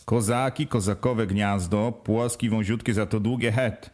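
A man's voice: on the low side, fairly even intonation, measured pace, darkish tone. Man reading a first-person story. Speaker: audiobook reader. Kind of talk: first-person audiobook narration.

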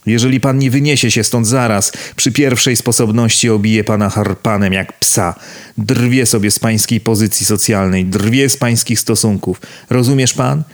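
A man reading the part of a furious young woman in an audiobook, slow and cutting. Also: fairly low pitch, fairly even intonation, natural voice.

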